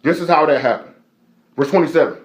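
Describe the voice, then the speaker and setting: A man's voice: a little high, quick pace. A man preaching a live-streamed sermon, emphatic and repetitive, with many rhetorical questions. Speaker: preacher teaching a Bible lesson. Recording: echoey room.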